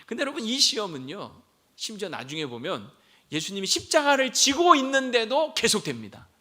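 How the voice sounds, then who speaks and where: A man's voice: high voice, big pitch swings, a little fast, pushed and bright. A middle-aged male pastor preaching a Sunday sermon, often talking straight to the congregation and asking them rhetorical questions he then answers. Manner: addresses listeners directly and often; leads a group Bible reading. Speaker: senior pastor.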